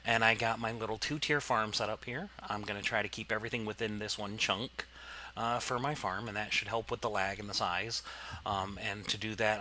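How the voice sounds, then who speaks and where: A man's voice: lowish voice, sharp tone, a little hiss or hum. A man casually commenting on his gameplay, rambling and explaining as he goes, with plenty of fillers. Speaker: let's play host.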